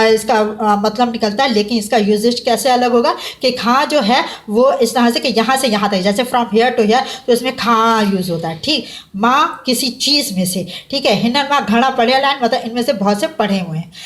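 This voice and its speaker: Woman teacher, a touch high-pitched, patient and slow with her students. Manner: patient, addresses students as "beta", slows to spell out words. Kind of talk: classroom lesson.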